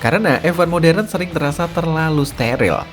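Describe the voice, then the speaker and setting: A man giving scripted, energetic narration in a casual, slangy way, building drama as he explains. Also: on the high side, a little fast, faint music behind.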